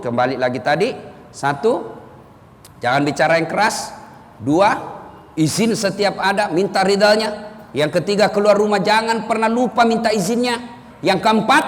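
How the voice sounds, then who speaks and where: A man preaching a sermon with humorous stories, acting out the people in them. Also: high-pitched. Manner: lively storytelling, acts out voices in quotes. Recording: reverberant hall with faint ambience.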